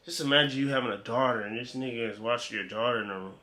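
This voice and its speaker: A man's voice: mid-range voice, very fast, sharp tone. A man casually reacting to a video with laid-back, slangy commentary. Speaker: reaction youtuber.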